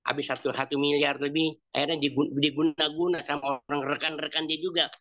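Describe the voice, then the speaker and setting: A man's voice: a little high, flat delivery, fairly quick, a bit bright, no room sound. A man, an evangelist telling a testimony sermon, repeating phrases emphatically and addressing listeners directly. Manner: repetitive, emphatic storyteller addressing listeners as "Pak". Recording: dull lo-fi dry recording.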